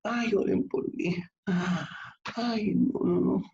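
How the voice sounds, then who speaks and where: A man's voice: sits high, steady tone, slow, creaky, a little mellow, voice pushed up, full character voice. A man voicing a panicky churchgoer who frantically begs for prayer, whining and wailing. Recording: echoey, slightly muffled room recording.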